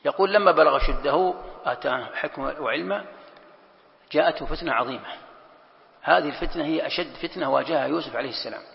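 A man's voice: on the high side, vocal fry, big-room sound, highs cut off. A man teaching a Quran commentary lesson, explaining step by step and repeating key phrases.

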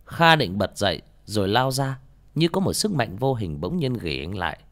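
A man narrating a horror audiobook in a dramatic, expressive way. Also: fairly low pitch, normal speed.

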